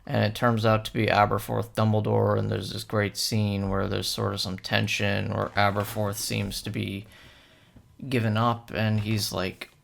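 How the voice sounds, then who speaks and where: A man's voice: lowish voice, completely flat delivery, a little slow, vocal fry, slight background noise. A young man talking casually through a film analysis, rambling with many fillers and hesitations. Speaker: film commentator.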